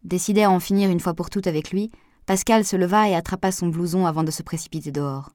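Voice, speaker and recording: A woman narrating an audiobook in a measured, even storytelling manner. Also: lowish voice, dry recording, studio quality. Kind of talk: scripted narration.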